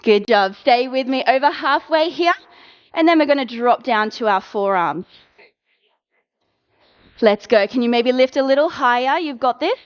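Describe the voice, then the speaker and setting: Brisk, encouraging woman fitness instructor. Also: high voice, animated, smooth, dull audio. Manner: encouraging, brisk coaching with countdowns. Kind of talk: live workout cueing.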